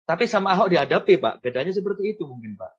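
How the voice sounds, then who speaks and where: A man's voice: high-pitched, big pitch swings, very fast, husky. A man interviewing as a journalist, polite and deferential, often murmuring agreement. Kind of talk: conversational interview. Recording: dull lo-fi sound.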